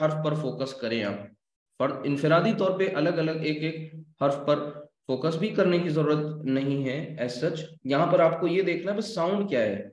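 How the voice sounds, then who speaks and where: A man teaching an Arabic language class, explaining slowly and asking his students questions. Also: on the high side, darkish tone. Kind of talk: classroom lecture. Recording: echoey room.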